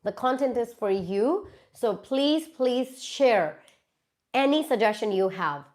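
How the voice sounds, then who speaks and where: A slightly high, expressive, somewhat mellow female voice moves at a slow pace. The speaker is an Indian woman hosting a live YouTube Q&A from her phone while stuffy with a cold, chatting as she reads and answers comments from viewers.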